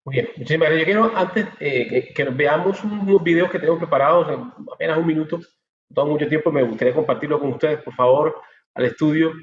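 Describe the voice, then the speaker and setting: A man's voice: on the high side, fast. A Colombian man moderating a live online forum, polite and hesitant with many fillers. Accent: Colombian Spanish. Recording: echoey room, dull lo-fi sound.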